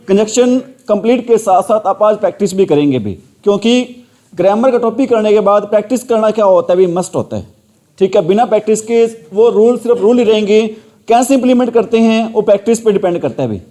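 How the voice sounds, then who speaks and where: A male teacher runs a classroom lesson, drilling the class with repeated questions. His voice sits high but sounds dark and mellow.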